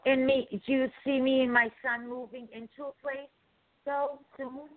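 A woman caller on a muffled, distant phone line, talking quietly and hesitantly. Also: sits high, little pitch movement, moderate pace. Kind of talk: call-in chat.

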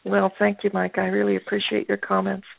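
Older lady telling a story, chatty lotsa ums, really gravelly voice, dry tinny phone sound. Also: medium pitch, completely flat delivery, brisk, no echo. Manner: chatty, anecdotal, frequent fillers. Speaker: guest artist. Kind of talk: casual interview storytelling. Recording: tinny phone-line audio.

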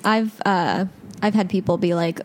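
A woman co-hosting a comedy podcast, wry and profane, quick with a quip. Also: fairly low pitch, fairly even intonation, a little mellow. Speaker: podcast co-host. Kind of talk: casual comedy podcast chat.

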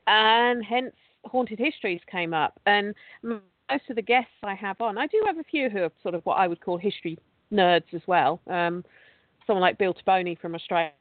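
A woman's voice: medium pitch, normal speed, no room sound. A chatty woman tells a ghost-hunting story in loose, rambling sentences, often restarting mid-phrase. Her voice comes through a dry, tinny, phone-like call line with no room sound at all. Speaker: guest, paranormal investigator and podcast host. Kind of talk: casual conversational storytelling.

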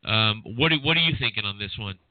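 A man with a General American accent hosts a casual podcast, rambling and animated, circling back through fillers and restarts. His voice comes through a tinny, phone-like line. The room sounds dry. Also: lowish voice, fast, no echo. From California. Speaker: podcast host. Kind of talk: casual boxing podcast chat.

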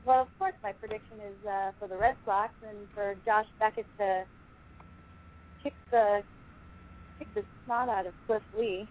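A woman's voice: medium pitch, fairly even intonation, a little slow. A woman calling in to a radio show over the phone, chatting casually as an upbeat sports fan. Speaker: caller. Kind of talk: casual call-in chat. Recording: tinny phone line.

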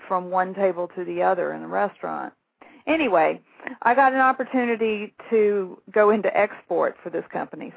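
Over a tinny phone line, a middle-aged author from Shreveport, Louisiana, tells stories from her career as an interview guest in a rambling, self-deprecating Southern drawl. Her voice is mid-range with vocal fry and a breathy edge, and there's no room sound.

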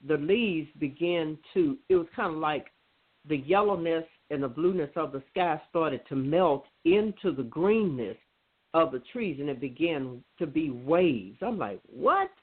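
A man's voice: a little high, lively intonation, measured pace, slightly rough. A man in casual spiritual chat, talking in an earnest, meandering way with many fillers. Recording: tinny phone line.

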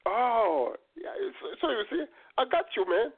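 A man with a very high, breathy-edged voice hosts a casual radio call-in chat, sounding very animated yet unhurried. He stammers, repeating words and phrases as he goes. The sound is tinny, like radio over a phone line.

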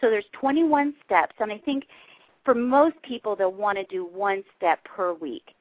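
A woman's voice: medium pitch, unhurried, no echo. Chatty woman on a phone line. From Southern California. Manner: chatty, laughing, explaining. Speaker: guest, life coach. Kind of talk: casual radio interview.

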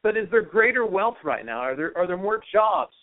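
A man hosts a political talk radio show, offering opinionated commentary packed with rhetorical questions. His voice sits high and is very animated at a normal speed, with no echo, though the audio is tinny and phone-like.

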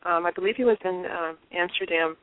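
An interview guest from Liberia tells her own story by phone, earnest and reflective and prone to restarting. Her voice is lowish and a little fast, carried over a tinny, dry line.

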